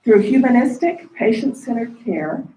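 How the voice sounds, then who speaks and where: A woman giving a formal, measured welcome speech as a dean, her voice coming through a face mask. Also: fairly high pitch, animated, warm tone. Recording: roomy echo, distant mic.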